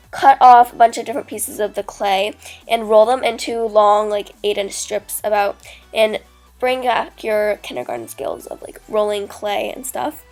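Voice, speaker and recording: A teenage girl with a stuffy nose from a cold, talking casually through a crafts tutorial and filling her talk with 'like' and 'um'. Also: medium pitch. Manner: chatty, lots of 'like' and 'um'. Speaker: DIY vlogger.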